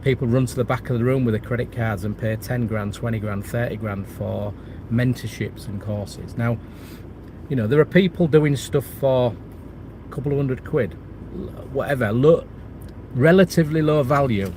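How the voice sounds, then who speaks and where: On a casual livestream, a middle-aged man who runs a property channel reads viewer comments while battling a cold and chest infection. He talks at normal speed and medium pitch, slightly mellow, rambling with many fillers and restarts. A faint hiss or hum runs through the recording.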